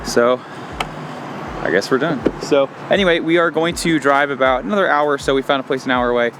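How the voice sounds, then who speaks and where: A man's voice: medium pitch, a little fast, a bit bright, a little hiss or hum. A man with a Southern accent, chatting casually and thinking aloud while he drives on a road trip vlog. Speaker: vlogger driving an electric car. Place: inside a car.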